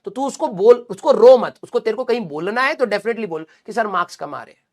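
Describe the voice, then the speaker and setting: A man teaching exam students, giving a motivational talk in a blunt, scolding yet affectionate way, often checking in with "clear?" and "theek hai", mixing in English. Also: high voice, animated, a little fast.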